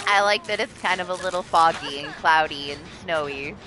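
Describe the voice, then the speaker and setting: A woman's voice: on the low side, normal speed. A young woman live streaming a game, chatting casually, laughing often and swearing freely. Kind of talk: casual gameplay commentary. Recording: background noise.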